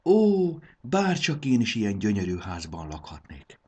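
A man voicing a shy but eager young dragon girl in a children's story, with bright, excited exclamations. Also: lowish voice, husky, pitched above the performer's own voice, heavily acted. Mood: amazed.

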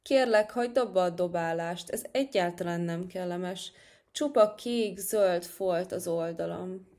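A gentle little she-cat from a children's storybook, soft-spoken, sweet and a bit plaintive, as a woman voices her. Her voice sits slightly low. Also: close to an everyday voice. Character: gentle young female cat.

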